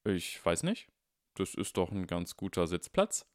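A clever young wizard boy speaking politely and dryly, as a male narrator reads him. Low and close, with a dead, dry sound. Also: sing-song, a little slow, darkish tone, no room sound. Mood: musing. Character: clever, calm eleven-year-old wizard boy.

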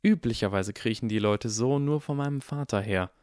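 A man's voice: mid-range voice, moderate pace, darkish tone, dry recording, clean studio sound, close to an everyday voice. A man voicing a haughty, spoiled aristocratic boy wizard with an arrogant, drawling manner, in an audiobook. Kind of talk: audiobook character voice.

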